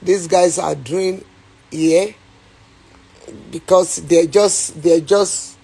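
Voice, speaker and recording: A woman's voice: on the low side, drawn-out words, vocal fry, mellow, husky. A woman with a Nigerian accent, an actress on a phone livestream, ranting with heat and pleading again and again for viewers to share. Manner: repetitive, pleading, heated, mixes in Yoruba. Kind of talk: angry livestream rant.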